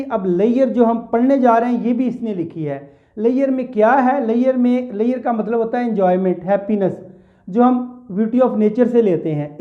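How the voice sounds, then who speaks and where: A man teaching an English poem, mixing Urdu and English and reading the verse lines slowly. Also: very high-pitched. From Pakistan. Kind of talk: poetry lecture. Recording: tinny phone-like audio.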